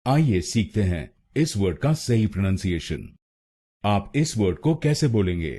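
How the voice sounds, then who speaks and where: Slow, husky Indian man teaching. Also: lowish voice, big pitch swings, warm tone. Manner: slow, drawn-out repetition of words. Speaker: pronunciation teacher. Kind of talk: scripted tutorial voice-over.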